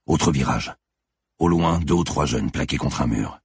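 Very deep, gravelly male narrator. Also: a little mellow, no echo, clean studio sound. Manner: tense, measured storytelling. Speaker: audiobook narrator. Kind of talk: scripted thriller narration.

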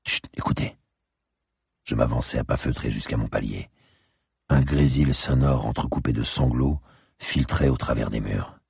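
A man reading a crime novel aloud in a measured, literary way. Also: a bass voice, creaky, a little mellow, slightly rough, no echo, studio quality. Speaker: audiobook narrator. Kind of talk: scripted narration of a crime novel.

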